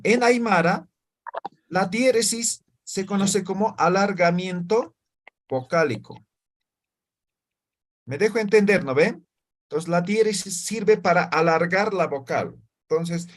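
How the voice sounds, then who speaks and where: A man teaching a language class, explaining step by step and checking often that students follow. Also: sits high. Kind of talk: classroom lesson.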